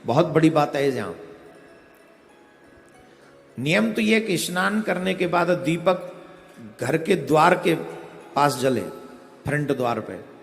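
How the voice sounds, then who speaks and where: A man preaching a devotional discourse, giving slow, step-by-step instruction. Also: a little high, lively intonation, vocal fry. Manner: slow, instructive, chants a Sanskrit verse in a sing-song. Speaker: spiritual preacher. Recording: echoey hall with faint music behind.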